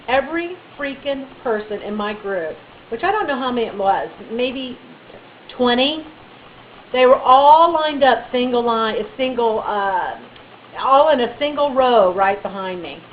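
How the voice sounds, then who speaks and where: A woman telling a funny personal story in a chatty, animated way, with bits of playful baby talk. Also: high-pitched, moderate pace, highs cut off, slight background noise. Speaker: vlogger.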